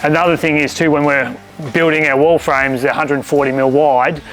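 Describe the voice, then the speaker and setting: A man's voice: a little high, flat delivery, moderate pace, a bit bright, faint music behind. An Australian man, a builder, explaining things casually and practically as he presents a site walkthrough. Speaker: builder co-hosting a home-building show.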